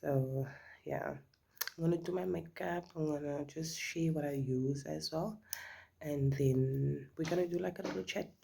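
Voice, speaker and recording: Doing her makeup on camera, this middle-aged South African woman makes casual chit-chat in South African English and frequently drops to a whisper; Afrikaans is her first language. She speaks unhurriedly in a low, gravelly, warm voice. There's a slight hiss or hum on the recording.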